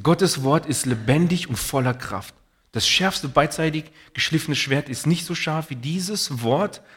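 A man's voice: a little high, breathy edge. A man preaching a sermon in an earnest, personal way, telling stories and reading Bible passages.

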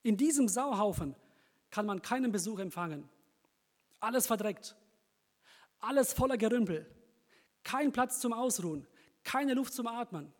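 A man voicing a frantic man who rushes to clean his messy house, shouting in panic in a story read aloud during a sermon. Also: high-pitched, lively intonation, long reverb tail, pitched above the performer's own voice.

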